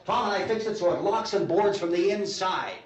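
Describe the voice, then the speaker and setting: A man's voice: high voice, brisk, lo-fi sound, lightly acted. An actor playing a stubborn, frightened, abrasive middle-aged family man arguing insistently in a 1960s horror film. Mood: agitated pleading. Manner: argumentative, insistent, agitated. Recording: echoey old film sound, distant mic.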